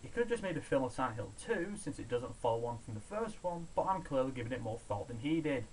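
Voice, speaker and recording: Delivering a scripted countdown review, this video reviewer is sardonic, opinionated and swears freely, speaking at a quick pace in a mid-range voice. The audio is poor, an amateur home recording with constant hiss.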